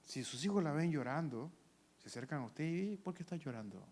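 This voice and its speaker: A man preaching a sermon as pastor, with animated delivery that swings between loud calls and hushed asides, acting out voices from the story. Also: on the high side, brisk. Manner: acts out voices of people in the story.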